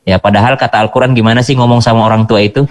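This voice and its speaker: A man's voice: mid-range voice, fairly even intonation, rapid-fire. A young man giving a playful, chatty sermon to school students, breaking into chanted Quran recitation. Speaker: preacher. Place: virtual school event.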